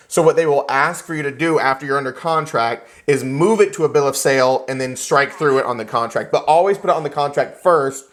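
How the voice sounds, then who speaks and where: A man with a drawl teaches a classroom of real estate students. He lectures in an animated, joking way and slips into little acted-out scenes. He talks to the room as he goes. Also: fairly high pitch. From United States. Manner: animated, joking, acts out characters.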